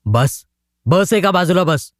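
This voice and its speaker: A man's voice: sits high, animated, slow, dry recording, clean studio sound. A man voicing an irritable male ticket collector who barks short questions. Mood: gruff. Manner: barking, impatient.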